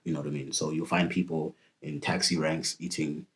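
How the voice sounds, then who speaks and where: A man from South Africa explaining things in a casual podcast conversation, talking in halting fragments and leaning on "you know what I mean". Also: a bass voice, level tone.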